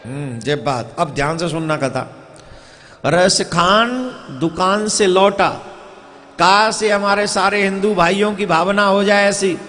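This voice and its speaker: High-voiced man preaching in an echoey hall. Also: a bit bright, a little hiss or hum. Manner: scolds and exhorts the audience; acts out characters in the story. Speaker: religious storyteller. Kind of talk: devotional sermon to a live crowd.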